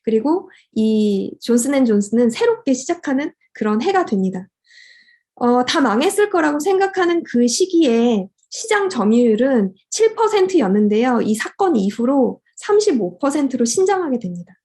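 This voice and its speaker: A woman's voice: sits high, very animated, normal speed, warm tone. A middle-aged woman giving a motivational lecture, earnest and explaining step by step, sometimes acting out quoted prayers.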